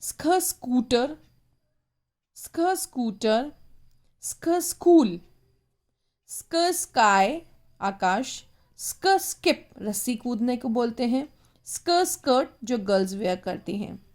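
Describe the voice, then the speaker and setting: High-voiced teacher drilling phonics very slowly. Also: female voice, lively intonation, darkish tone. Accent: Indian English. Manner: drills sounds slowly, repeating each blend; mixes Hindi with English words. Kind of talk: phonics lesson for children.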